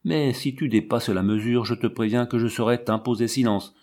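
A man's voice: medium pitch, fairly even intonation, moderate pace, a little mellow, close to an everyday voice. A man reading the part of a hard, scheming older woman who speaks in a stern, solemn way in a storybook reading.

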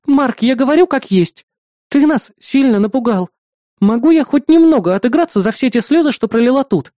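Guy doing a bossy jealous young woman, high and bouncy, no room sound. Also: animated, moderate pace, dark tone, no room sound, clean studio sound. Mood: scolding. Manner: indignant, bickering. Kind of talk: audiobook character voice.

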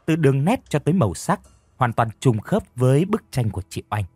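A man narrates a scripted horror story with dramatic, animated pitch. His voice is husky and close and dry, with soft music underneath. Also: fairly quick, dry recording.

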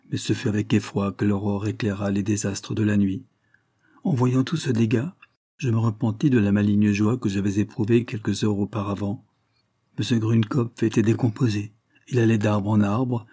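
A male audiobook narrator reading a classic novel in a measured, even first-person style. His voice is mellow and dark with a husky grain, recorded dry and close with no room sound. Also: on the low side, dry recording. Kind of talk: scripted storybook narration.

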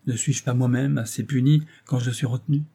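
A man playing a stout, wealthy lover who protests softly and defensively. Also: medium pitch, steady tone, brisk, creaky, slightly rough. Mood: pleading. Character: stout wealthy older man, meek and pleading.

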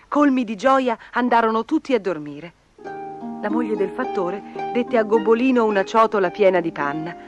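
A woman narrating a children's fairy tale expressively, in a storybook reading style. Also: mid-range voice. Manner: expressive, lively.

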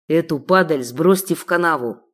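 Female narrator doing a jealous male sheikh, menacing growl, deliberate delivery. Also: deep voice, a bit bright.

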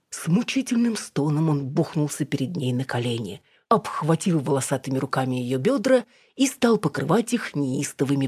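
A woman narrating an audiobook in an even, unhurried reading. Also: low voice, husky, dry recording, studio quality. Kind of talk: scripted narration.

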